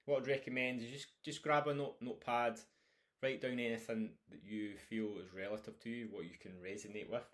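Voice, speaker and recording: A man's voice: mid-range voice, fairly even intonation, a little fast, a bit bright. A man with a broad Scottish accent speaks as a coach, informally introducing a course and encouraging listeners directly. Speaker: health and nutrition coach presenting a course. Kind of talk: informal course introduction, talking through topics.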